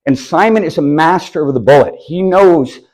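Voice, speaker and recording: A man's voice: on the high side, moderate pace, a little mellow, low-quality recording. A man teaching disc golf technique, explaining casually while demonstrating throws. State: a bit out of breath. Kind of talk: instructional demonstration. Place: outdoors on a course.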